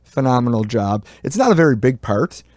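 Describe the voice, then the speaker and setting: A man's voice: mid-range voice, very animated, a little mellow, dry recording, clean studio sound. A man co-hosting a theatre review, chatting casually with many fillers and restarts. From United States. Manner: halting, many fillers and restarts, laughs often. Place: recorded for a live online broadcast.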